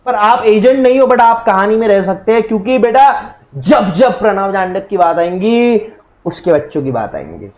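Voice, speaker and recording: A young man with an Indian accent teaching a recorded law lecture in a lively, jokey way, acting out little dialogues between people. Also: sits high, roomy sound.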